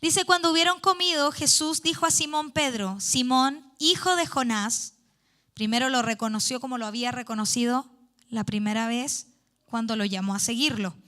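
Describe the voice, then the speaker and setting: A woman's voice: fairly high pitch, moderate pace, sharp tone. A woman preaching a youth sermon in church, reading scripture aloud and explaining it earnestly. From Chile.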